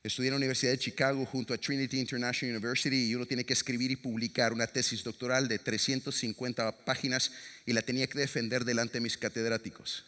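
A middle-aged man from America, preaching a sermon as a lively, dramatic storyteller who adds sound effects and jokes. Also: medium pitch, fast talker. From Latin America. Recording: long reverb of a large hall.

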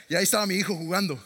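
A middle-aged man from America, preaching a sermon as a lively, dramatic storyteller who adds sound effects and jokes. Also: sits high, vocal fry, slightly rough. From Latin America. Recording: long reverb of a large hall.

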